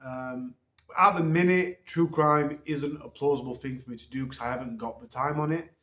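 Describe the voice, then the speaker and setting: A man, a channel host, giving viewers a casual, rambling update full of ums, recorded on a low-quality phone. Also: fairly even intonation, moderate pace, bright, forceful tone. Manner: hesitant, rambling, many ums. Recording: dull, roomy phone recording.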